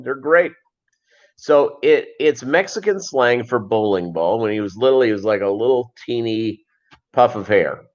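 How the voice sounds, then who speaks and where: A man with a medium-pitched voice, heard with the highs cut off, hosts a relaxed livestream for a fishkeeping channel, rambling as he reads out viewer comments and answers them.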